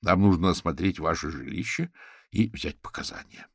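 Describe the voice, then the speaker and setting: A man reading a formal, measured investigator. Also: low voice, creaky, slightly rough, no echo, clean studio sound, heavily acted. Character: polite, methodical male investigator.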